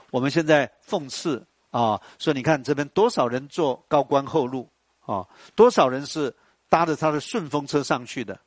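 A man, lecturing a class in an animated, storytelling way and putting questions to the audience. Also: medium pitch, no echo.

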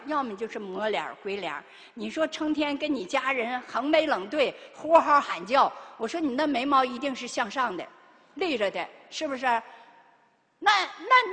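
Lively older woman preaching in a reverberant hall. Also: sits high. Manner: animated, rhetorical questions to listeners. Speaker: Buddhist lay teacher. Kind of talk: Buddhist dharma talk.

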